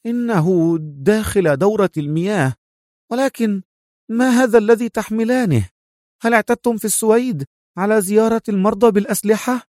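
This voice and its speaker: A man voicing a brave but startled young woman in a thriller audiobook, tense and trying to seem calm. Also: high voice, fast talker, no echo, studio quality, pitched above the performer's own voice, lightly acted.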